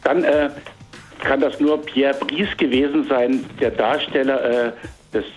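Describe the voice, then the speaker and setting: A man's voice: mid-range voice, measured pace, soft background music. Wry male caller on a phone line. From Germany. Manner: relaxed, wry, hesitant with fillers. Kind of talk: phone-in chat.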